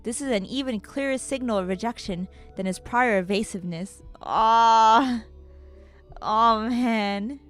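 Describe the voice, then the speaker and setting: A woman streaming a visual novel playthrough, reading its narration aloud and reacting with animated, giggly, slangy commentary. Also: fairly high pitch, measured pace, faint music behind.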